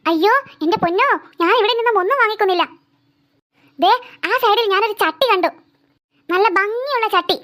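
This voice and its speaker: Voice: very high-pitched, fairly quick, long pauses, bright, forceful tone. A voice actor playing a stern mother in a cartoon who scolds her daughter and refuses to buy anything on a trip. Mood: complaining. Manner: scolding, nagging. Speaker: cartoon character. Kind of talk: cartoon voice acting.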